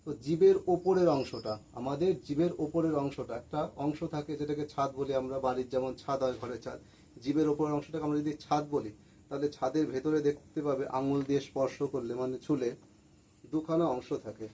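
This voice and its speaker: A man's voice: medium pitch, steady tone, brisk, dark tone, low-quality recording. A man teaching a lesson to school students, patiently repeating words and asking questions he then answers himself. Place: room with a board. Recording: faint background noise.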